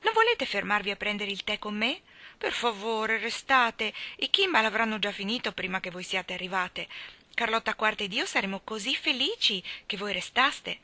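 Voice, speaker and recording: A woman reading an audiobook, voicing a gentle, lonely woman in her forties who speaks softly and earnestly with a bashful edge. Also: mid-range voice, animated, normal speed, no echo. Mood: eager. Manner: soft, earnest, a little bashful. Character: gentle lonely woman of forty-five, whimsical, shy.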